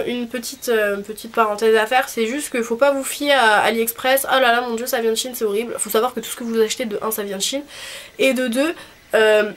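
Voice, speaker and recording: A young woman with a blocked nose and a honking, nasal voice, chatting casually and rambling informally as a vlogger. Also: a little high. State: congested with a cold. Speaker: cosplay vlogger. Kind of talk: casual video chat. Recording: clearly noisy background.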